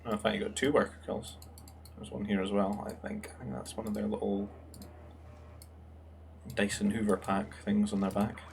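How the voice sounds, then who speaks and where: A man's voice: on the low side, little pitch movement, moderate pace, creaky, pauses often. A young man commentating a strategy game match in a casual, musing way, thinking aloud with fillers. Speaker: game caster.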